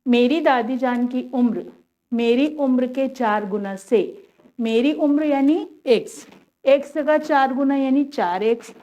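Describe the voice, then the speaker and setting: Her voice sits on the high side with a darkish tone as she patiently teaches a classroom maths lesson. She explains worked examples step by step, asking herself questions and answering them.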